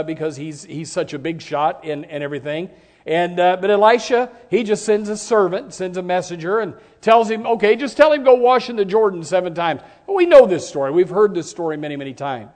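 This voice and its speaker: High-pitched guy preaching, gets loud and worked up acting out bible characters. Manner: animated, acts out the characters with rising voice. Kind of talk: sermon.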